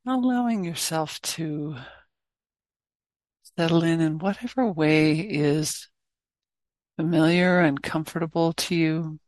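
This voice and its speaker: A woman teacher leads a guided meditation in short, gently inviting phrases with pauses between them. Her voice sits low, and there's no echo.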